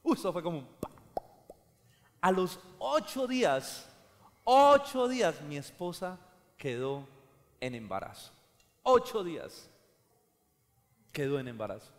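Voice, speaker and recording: A man with a Colombian accent preaching a sermon as a pastor, emphatic and rising to shouts, recorded in a large church hall. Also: high voice, big pitch swings, measured pace, long pauses. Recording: long hall reverb.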